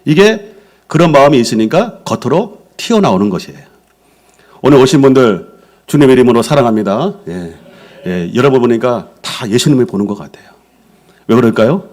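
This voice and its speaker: A middle-aged man preaching a Sunday sermon from the pulpit of a church. His pitch swings widely as he tells stories and acts out the voices in them. He speaks at an average pitch for a man. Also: brisk. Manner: lively storytelling preacher, acts out quoted speech. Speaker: senior pastor. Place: church sanctuary.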